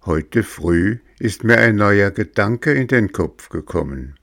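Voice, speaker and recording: A man's voice: lowish voice, lively intonation, fairly bright tone, exaggerated voice. A man voicing a hot-tempered old male woodcarver in a storybook reading. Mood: earnest. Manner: quick-tempered, huffy.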